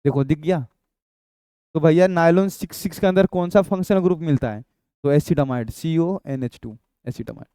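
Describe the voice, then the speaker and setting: This is an exam-prep chemistry lecture from a man who coaxes, repeats, and asks questions only to answer them himself. He speaks at normal speed in a somewhat high, mellow, smooth voice that sounds dry and close, with no echo.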